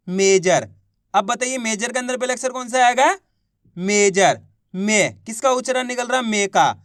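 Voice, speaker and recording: A man's voice: very high voice, a bit bright, no echo. Man, spelling teacher, patient and repetitive, dry close recording. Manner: patient, repeats each word and quizzes viewers. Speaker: Hindi teacher. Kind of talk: online spelling lesson.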